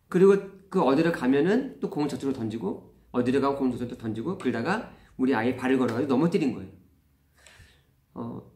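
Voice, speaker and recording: A man's voice: fairly high pitch, darkish tone. A middle-aged man, a father and parenting host, earnestly telling a personal story about his child. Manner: earnest, confessional. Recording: roomy echo.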